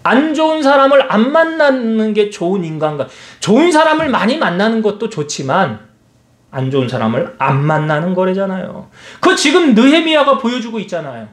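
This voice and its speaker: A male pastor preaches with a high, lively voice that swoops up and down as he fires rhetorical questions at the congregation. His voice rings out in an echoey church hall. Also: brisk. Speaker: senior pastor. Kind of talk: sermon.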